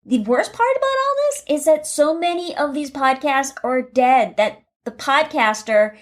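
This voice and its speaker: A woman's voice: sits high, animated, unhurried. A woman hosting her own podcast, talking to listeners in a chatty, upbeat, folksy way. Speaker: podcast host and producer. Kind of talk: podcast monologue.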